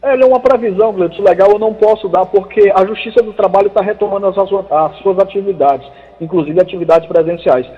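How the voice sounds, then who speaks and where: A man from Brazil, a labor lawyer, explaining legal points in a measured way over the phone on a radio call-in show. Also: sits high, soft background music. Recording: thin phone line with long reverb.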